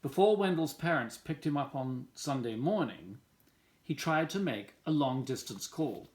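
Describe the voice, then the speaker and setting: A man reads a picture book aloud for young children. His mid-pitched voice moves up and down in a lively, animated way as he narrates. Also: measured pace. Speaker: volunteer story reader.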